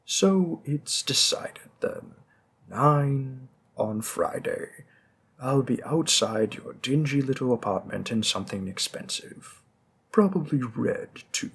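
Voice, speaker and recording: A male voice actor doing audio roleplay gives an expressive, fairly bright full character voice to a smooth-talking, flirty mob boss. The delivery is slow, husky and gravelly at mid pitch, teasing and seductive with playful menace, slipping into whispers.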